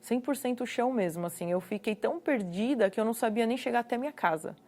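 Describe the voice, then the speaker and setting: A woman's voice: fairly high pitch, fast talker, a little mellow. A woman from Brazil with a Brazilian Portuguese accent, telling her personal testimony earnestly and repeating words for emphasis. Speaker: guest giving a personal testimony.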